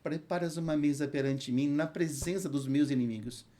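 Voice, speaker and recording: A man with a Brazilian Portuguese accent, a hospital chaplain and pastor, tells an earnest testimony in an interview and recites scripture slowly. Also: on the high side, mellow. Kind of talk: emotional testimony in a podcast interview.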